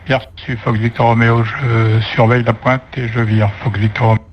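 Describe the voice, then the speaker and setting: A man's voice: mid-range voice, flat delivery, normal speed, lo-fi sound. A man piloting an aircraft, giving brief procedural readbacks over the radio. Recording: noisy cockpit radio transmission.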